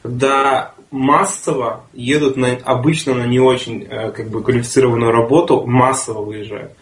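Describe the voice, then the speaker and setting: A man's voice: medium pitch, steady tone, moderate pace. A man in a casual, bantering discussion, often jumping in to explain things. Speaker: podcast panelist. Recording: roomy echo, noisy line with clicks.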